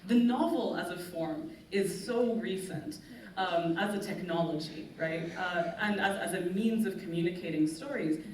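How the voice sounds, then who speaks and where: A woman's voice: fairly low pitch, moderate pace, darkish tone, far from the mic. A woman author on a live panel, articulate and lecturing, with a self-mocking edge. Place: festival stage in a large hall. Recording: echoey hall, voice from afar.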